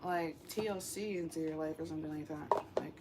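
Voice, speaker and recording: A woman's voice: low voice, fairly quick, heavy background noise. A young woman giving a casual tarot reading in a rambling, meandering way, full of fillers. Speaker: tarot reader.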